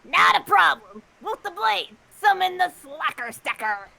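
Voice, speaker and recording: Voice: high voice, expressive, normal speed, gravelly, sharp tone, pitched above the performer's own voice, full character voice. A performer voicing a pompous, flirty male general with hammy, over-the-top delivery in an amateur fan reading. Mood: commanding.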